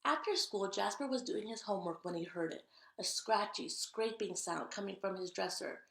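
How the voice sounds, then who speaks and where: A woman reads a picture book aloud in an echoey room. Her voice has a medium pitch with a noticeable creak. She is expressive and breaks off to chat directly with young listeners. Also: normal speed, slight background noise. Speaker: read-aloud storyteller. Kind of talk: animated children's picture-book read-aloud with chatty asides.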